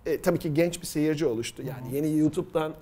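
High-voiced middle-aged male quiz host. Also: fast, dark tone. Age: middle-aged or older. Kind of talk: casual storytelling and quiz hosting. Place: studio table, indoors.

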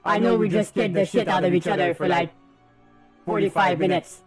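A man in his thirties streaming a game live over a headset mic, excitable and swearing as he reacts and talks to his chat. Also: sits high, fairly quick, over loud music. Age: 30s. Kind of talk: gaming livestream commentary. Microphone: livestream headset mic.

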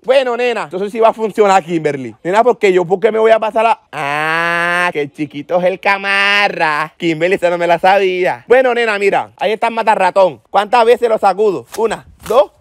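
A man putting on a high, gravelly voice as a superstitious woman, chatty and easily spooked. She rattles along on the phone to her friend, getting more flustered. The sound is dry and close. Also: normal speed, hardly any pauses, dry recording. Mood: frightened. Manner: chatty, says "nena" every line, gets flustered. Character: nervous superstitious Caribbean woman doing a love spell. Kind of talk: comedy sketch, one side of a phone call.

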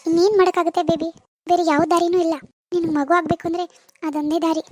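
A woman's voice: very high voice, flat delivery, fast, no echo. A woman voicing a worried middle-aged mother in a cartoon, soothing and pleading with her daughter. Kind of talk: cartoon voice acting.

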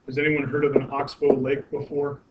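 A man's voice: medium pitch, monotone, fairly quick. A man giving a university anatomy lecture, explaining step by step with many fillers and self-corrections and asking the class questions. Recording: muffled lo-fi classroom recording with faint noise.

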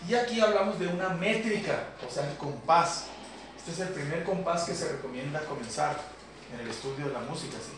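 A man's voice: a little high, fairly quick, background noise. A man teaching a beginner keyboard class, explaining patiently and checking in with the students. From Colombia. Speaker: piano instructor. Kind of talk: classroom lesson. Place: community center classroom. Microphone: far camera. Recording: roomy echo, distant mic. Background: piano keyboard playing.

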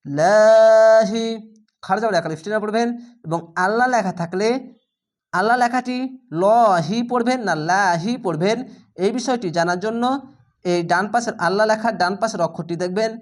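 Patient Bangladeshi man teaching Quran spelling. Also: sits high. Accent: Bangladeshi Bengali. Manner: slow, patient, repeats each syllable, then recites drawn out. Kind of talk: spelling-out recitation lesson.

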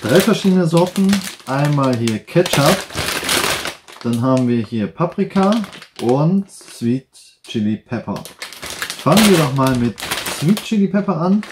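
A man in his twenties giving a casual taste-test review to camera, talking between bites of crisps. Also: medium pitch. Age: 20s. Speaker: product reviewer. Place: small quiet room indoors, at a table. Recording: some background noise, rustling and clicks.

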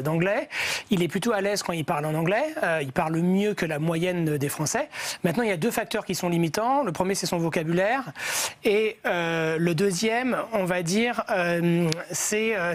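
A man on a talk panel explaining behavior in a measured, methodical way with frequent pauses. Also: high voice. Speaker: behavioral analysis guest.

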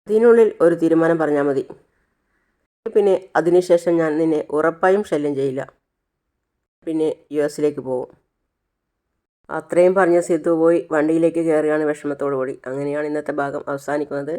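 Woman, serial recap narrator, mellow tone, storytelling, voices each character's lines. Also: low-pitched, normal speed, long pauses. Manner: retells scenes, acting out each character's lines.

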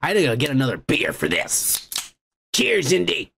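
A man's voice: a little high, wildly swooping pitch, moderate pace, vocal fry, sharp tone, slight background noise. A man hosting a show and reading viewer comments in a rambling, profane, casual way, his microphone heavily compressed. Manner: rambling, swears freely, frequent restarts. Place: home.

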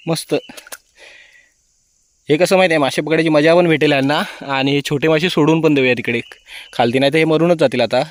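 A man's voice: fairly high pitch, steady tone, brisk, pauses often, dry recording. A man vlogging outdoors by a stream pool, cheerfully urging children on as they catch fish. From Konkan, India. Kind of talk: casual outdoor vlog narration.

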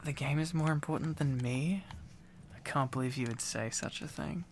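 A young man's voice on the high side carries a boyfriend ASMR roleplay, clingy, teasing and silly. He rambles playfully, repeating himself haltingly, and there's a slight hiss or hum.

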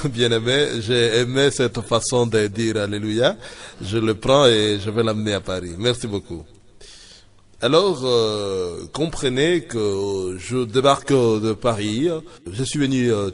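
A man playing a flustered visiting preacher from Paris who hesitates with many fillers. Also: on the low side. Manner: hesitant, lots of fillers, grows exasperated. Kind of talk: sketch comedy acting.

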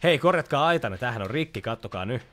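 Lively chatty gamer guy. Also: mid-range voice. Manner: chatty, reads game dialogue aloud, jokey asides. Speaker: gaming YouTuber. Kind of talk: casual let's-play commentary.

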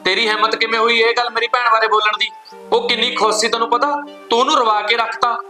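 A man's voice: very high-pitched, flat delivery, fast, sharp tone, soft background music, exaggerated voice. A man with an Indian Punjabi accent playing a protective brother who stands up for his sister. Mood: angry. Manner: firm, scolding. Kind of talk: village family short film acting.

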